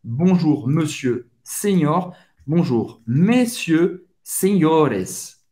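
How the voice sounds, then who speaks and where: Man with a French accent, language teacher, slow careful delivery, lively pitch that swings up and down. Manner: slow, drawn-out pronunciation drills. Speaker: French teacher and channel host. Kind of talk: language lesson.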